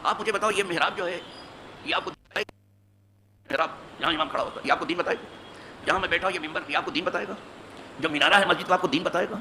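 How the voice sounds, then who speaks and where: An imam preaches from a mosque pulpit, his voice bright, sharp and somewhat high. He drives points home with rhetorical questions and rising emphatic bursts. Faint street noise sits underneath. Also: pauses often. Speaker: mosque imam giving hadith lesson. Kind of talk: Urdu hadith sermon.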